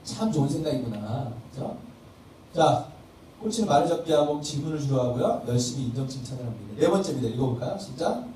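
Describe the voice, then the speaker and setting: A man's voice: mid-range voice, lively intonation, fast talker, warm tone. Guy pastor running a parenting class, acts out mom and kid lines, really echoey hall, mic far off. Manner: quizzes the audience and acts out parent-child dialogues. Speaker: pastor teaching a parenting workshop. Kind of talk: church workshop lecture. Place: church welfare hall classroom. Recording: distant mic in a reverberant hall with faint noise.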